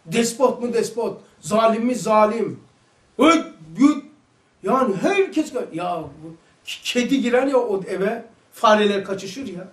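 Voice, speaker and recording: A high-voiced man with a Turkish accent giving a religious lesson, lively and full of rhetorical questions. He is recorded from some distance away in an echoey hall. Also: measured pace. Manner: animated, acts out quoted voices, rhetorical questions. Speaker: religious teacher.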